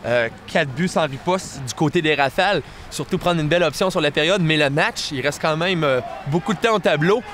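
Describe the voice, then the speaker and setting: A man's voice: fairly high pitch, a little fast, few pauses, fairly bright tone. A man with a Quebec French accent giving live sports analysis as a colour commentator during a game. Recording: clear venue noise behind.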